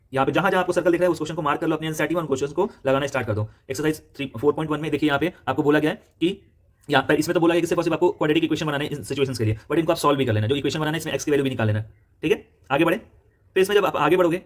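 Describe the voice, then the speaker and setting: Rapid-fire Indian maths tutor, man. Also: on the high side. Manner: brisk, directive, repeats instructions, self-corrects. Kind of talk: fast textbook walkthrough lesson.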